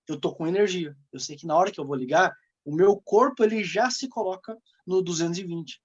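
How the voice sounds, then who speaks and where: Brazilian man, sales mentor, emphatic and animated, voice pitched a bit high. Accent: Brazilian Portuguese. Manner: emphatic, animated, laughs often. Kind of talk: coaching talk.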